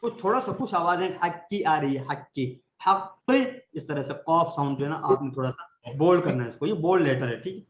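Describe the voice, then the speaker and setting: A man teaching Quran recitation in an online class, patiently explaining and slowly demonstrating letter sounds for his students to repeat. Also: a little high, animated, echoey room, highs cut off.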